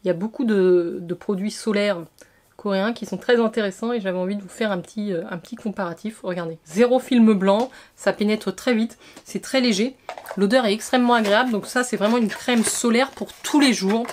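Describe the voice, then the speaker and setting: A woman's voice: medium pitch, brisk, darkish tone. A woman vlogger unboxing and reviewing skincare products, talking chattily and listing details in short bursts. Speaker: beauty vlogger.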